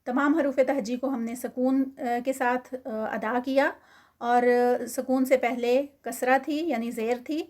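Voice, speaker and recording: A woman teaching Quran recitation, patiently drilling each letter sound slowly and mixing in English terms. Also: sits high, fairly even intonation, darkish tone.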